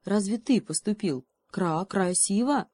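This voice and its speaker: A woman's voice: medium pitch, measured pace, a little mellow, no echo, pitched above the performer's own voice, close to an everyday voice. Woman doing a stern reproving raven.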